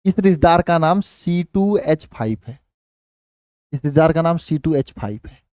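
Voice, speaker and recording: A somewhat high-voiced man teaches a chemistry class in Hindi. He counts slowly, quizzes his students and repeats answers back to them. His voice climbs when he stresses a rule, and the close mic keeps the sound dry. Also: lively intonation, a little mellow, dry recording. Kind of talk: live online class teaching.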